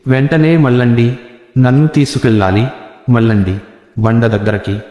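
A man voicing a vengeful, bloodied female ghost who makes slow, insistent demands in a horror story. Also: medium pitch, fairly even intonation, dark tone, close to an everyday voice. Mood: demanding. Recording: roomy with long reverb.

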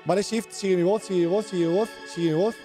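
A man with a Spain Spanish accent calmly talks a teammate through a game, repeating the same short directions over and over. His voice sits a little high but sounds mellow and soft-edged, with faint game music underneath. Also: fast. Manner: patient, repetitive step-by-step directions. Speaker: gaming streamer guiding a teammate. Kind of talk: casual gameplay coaching.

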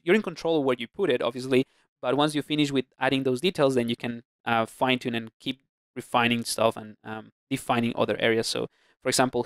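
Over a screen recording, a ZBrush instructor in a close-miked voice-over talks through his brushes for a 3D sculpting tutorial. He has a mid-range, clean-toned voice and a relaxed manner, thinking aloud with many fillers and restarts, and the clean studio sound carries no echo.

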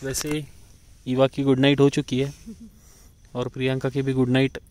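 A man's voice: medium pitch, normal speed, no echo, poor audio. A man in his thirties talking casually as a travel vlogger, holding the camera at arm's length outdoors on a hilltop. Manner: chatty, excited while describing views. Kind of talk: casual vlog talk mixing Hindi and English. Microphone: camera held at arm's length.

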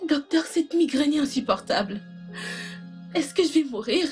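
Pregnant patient, female, acted by a woman: frightened, crying, high and pleading, faint score behind. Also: animated, normal speed, a little mellow, soft background music. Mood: pained. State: in pain, crying.

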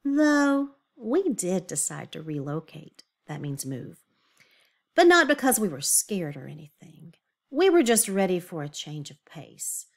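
With very animated pitch, a woman who teaches children reads a picture book aloud expressively. She stretches out emphatic words, adds confiding asides, and poses questions to her young listeners.

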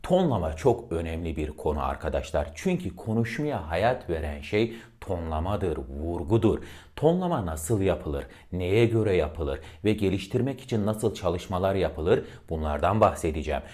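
Deep-voiced man teaching intonation. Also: sing-song, moderate pace, dark tone. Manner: demonstrates words by swinging between deep and high tones; addresses listeners directly as friends. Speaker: voice and diction teacher. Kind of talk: instructional lesson on intonation.

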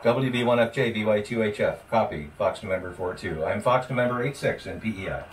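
Brisk and fairly low-pitched, the voice belongs to a man in his sixties who runs a ham radio setup and a vlog. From a compact home office indoors, he mixes casual commentary with radio call-outs. A camera placed a short way off captures him amid room noise.

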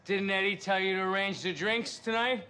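A man's voice: sits high, fairly even intonation, moderate pace, pushed and bright, clear, resonant tone. An actor playing an aggrieved, drunken hippie shopkeeper father in a film, drawling and accusatory. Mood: drunken accusing. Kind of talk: film acting.

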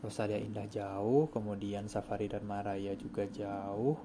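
A man's voice: lowish voice, flat delivery, unhurried, noisy background. A young man chatting casually in slang while he plays a bus driving game, hosting his own gaming channel.

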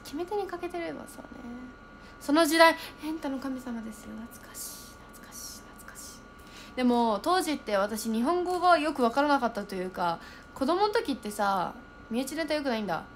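A young woman chatting casually on a livestream, reading viewer comments aloud and thinking out loud as she reacts. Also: high voice, lively intonation, a little fast, slight background noise.

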